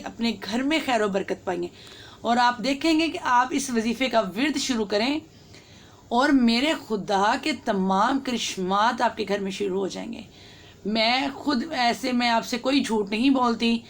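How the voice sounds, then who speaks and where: A woman giving earnest devotional advice, urging listeners on and slowing down to spell out words. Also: a little high. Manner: urging and reassuring, slows to spell out recitation. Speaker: religious YouTube host.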